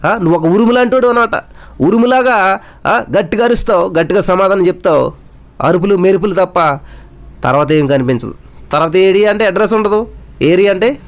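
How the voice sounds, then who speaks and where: Man preaching, high voice, emphatic, rhetorical questions, English words mixed in, slows for key lines. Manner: mixes English words into speech. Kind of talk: sermon.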